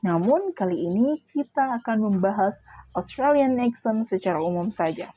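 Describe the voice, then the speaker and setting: A woman's voice: mid-range voice, expressive, moderate pace, heavy background noise. A woman reading out a prepared class presentation, explaining step by step with brief asides to her listeners. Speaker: student presenter.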